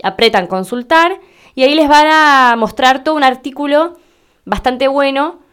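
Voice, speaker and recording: A Spanish teacher with an Argentine Spanish accent gives a slow, deliberate lesson, spelling things out for her listeners. Her voice is high and fairly bright.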